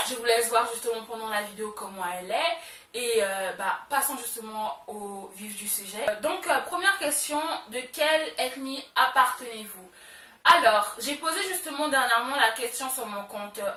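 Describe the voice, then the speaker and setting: A woman's voice: a little high, sharp tone. A young woman talking casually to her camera as a beauty vlogger, chatty, with lots of fillers and repeated words for emphasis. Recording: roomy echo, a bit far from mic.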